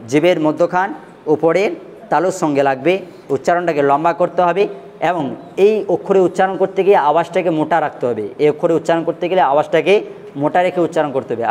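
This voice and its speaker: A man's voice: on the high side, darkish tone. Man teaching Quran letter pronunciation. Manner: drawn-out sung letter sounds, repeated for learners; patient step-by-step instructing.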